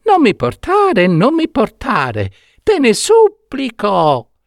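A tiny, thin-voiced enchanted prince. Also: male voice, very high voice, huge pitch swings, slow pace, gravelly, no echo, clean studio sound, voice pushed up, heavily acted. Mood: pleading. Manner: begging, repeating his plea. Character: tiny enchanted young prince trapped in a box, pleading.

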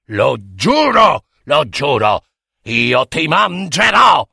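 A man's voice: fairly high pitch, sing-song, drawn-out words, creaky, pushed and bright, husky, no echo, clean studio sound, full character voice. A man doing a blustering hairy monster. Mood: angry. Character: proud hairy monster, blustering and easily hurt.

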